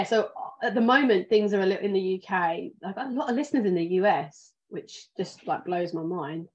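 Chatty British woman, slightly muffled. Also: medium pitch. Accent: British, southern English. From England. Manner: chatty, rambling with many ums and restarts. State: sleepy. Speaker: podcast host, financial planner. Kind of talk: casual livestream chat.

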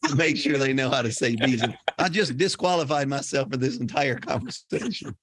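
A man's voice: medium pitch, brisk, fairly bright tone, husky. A man from Louisiana co-hosting a podcast in a mid-range voice. He jokes and teases his guest in loose banter. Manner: teasing, joking banter. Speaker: podcast co-host. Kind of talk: casual podcast conversation.

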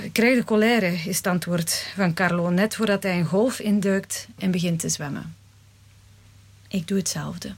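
A woman reading a first-person story aloud in a measured, dramatic way. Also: mid-range voice, slightly rough. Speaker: narrator.

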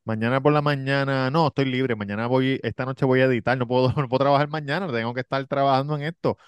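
Casting note: man, podcast host, smooth crisp voice, dry close sound, loose and laughing. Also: medium pitch, steady tone, no echo. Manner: laughs, stammers, rapid bursts. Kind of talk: casual chat.

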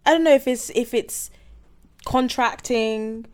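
A woman's voice: a little high, a little slow, smooth. A woman in a casual panel chat, hesitant, restarting and repeating her words as she explains.

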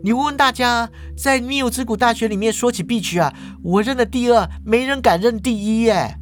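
Man doing a shrill, catty young student. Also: normal speed. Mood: wheedling. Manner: shrill, bragging.

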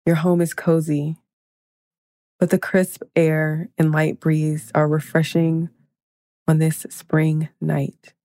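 A woman leading a guided meditation in a slow, soothing, hushed manner, counting breaths and counting down. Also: deep voice, monotone, no room sound, clean studio sound.

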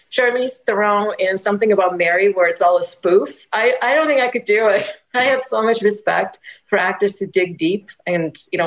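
A woman from Portugal, a guest telling stories from her life in a lively, animated way. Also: medium pitch, rough recording. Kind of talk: casual interview.

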